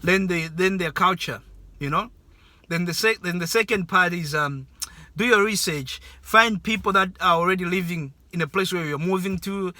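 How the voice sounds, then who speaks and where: A man's voice: high-pitched, sharp tone, no echo. A man from Zambia, giving casual advice in a rambling way and repeating words for emphasis.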